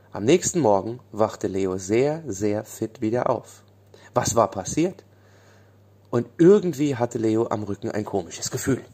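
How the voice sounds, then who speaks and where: Male bedtime storyteller, mellow tone, lively sing-song pitch. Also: husky.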